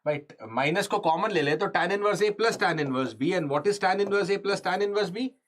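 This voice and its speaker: A man's voice: high voice, fairly quick, a bit bright, slight background noise. A man with a North Indian accent lecturing in a live online class, repeating key phrases, putting questions to students and slipping Hindi into his English. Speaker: engineering exam lecturer. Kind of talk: live online lesson, explaining step by step.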